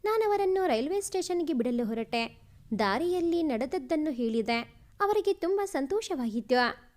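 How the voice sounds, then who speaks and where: A woman with a high, light voice narrates a heartfelt family story in the first person. Her reading is gentle and measured, and she softens into quieter voices for the dialogue. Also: lively intonation.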